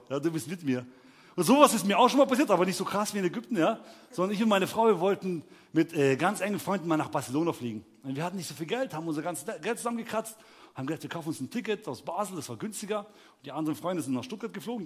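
A young adult man preaching, telling a personal story with lively acted-out scenes and shouted peaks. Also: a little high, very fast, husky. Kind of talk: animated sermon storytelling.

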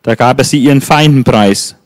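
A man retells a scripture passage in the first person, speaking as the old prophet himself. His voice sits in a middle register and the sound is dry and close, with no room around it. He drifts between relaxed, filler-heavy commentary and slower, louder recitation of the quoted speeches. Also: mid-range voice, no room sound. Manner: casual asides with many fillers, rising to slow declaiming for quoted speech. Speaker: Bible teacher.

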